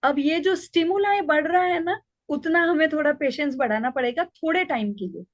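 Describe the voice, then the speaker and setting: A woman teaching an online parenting class in a calm, explaining way. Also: sits high, normal speed, dry recording, muffled recording. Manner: calm, explanatory, acts out child and mother lines. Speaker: parenting coach.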